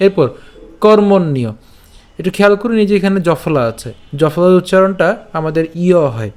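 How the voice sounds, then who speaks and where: A man teaching scripture recitation over slides, breaking words into syllables slowly and patiently, often checking that listeners follow. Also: high-pitched, expressive, darkish tone. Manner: patient, repeats each syllable, checks understanding. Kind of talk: slow syllable-by-syllable pronunciation lesson.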